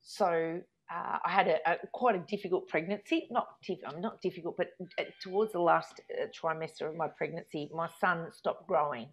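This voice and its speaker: A woman's voice: lowish voice, a little fast, hardly any pauses. A woman in her thirties with an Australian accent, candidly telling a personal story and acting out remembered arguments. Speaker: guest. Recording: dull lo-fi sound.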